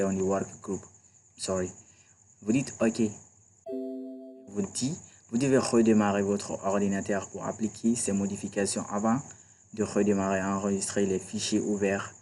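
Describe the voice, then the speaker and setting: In a screen-recorded computer tutorial, a male IT instructor chats with his viewers and keeps running small checks, repeating "d'accord" and "voilà." His voice is lowish with a dark tone, and there's slight background noise.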